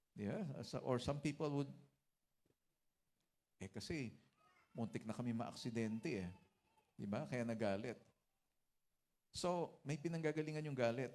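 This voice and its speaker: A man's voice: mid-range voice, a little mellow. A man with a Filipino accent preaching a conversational sermon, mixing English and Tagalog and often adding tag questions.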